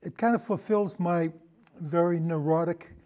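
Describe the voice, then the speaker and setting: This older male guest, an amateur historian and old time radio podcaster, chats in a relaxed, nostalgic way. He hesitates often and wanders off on tangents. His voice is on the high side and warm, and he speaks at a measured pace.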